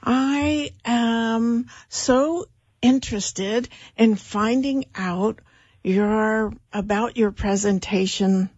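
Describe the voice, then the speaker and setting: Lady radio host, slow and gushy, dry muffled sound. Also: a little high, darkish tone, husky, no echo. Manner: gushing and welcoming. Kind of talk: radio talk show hosting. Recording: dull lo-fi radio audio.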